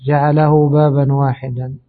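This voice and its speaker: A man's voice: mid-range voice, little pitch movement. Man teaching in a tinny recording. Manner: measured, explanatory, pauses with fillers. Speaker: hadith teacher. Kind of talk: religious lesson. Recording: tinny phone-like audio.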